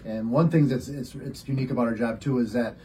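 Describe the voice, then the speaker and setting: A man's voice: medium pitch, steady tone, quick pace, dark tone, slight background noise. A man, a deputy sheriff, answering interview questions and explaining his work with many hesitant ums. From Rochester, New York area. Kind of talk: interview guest.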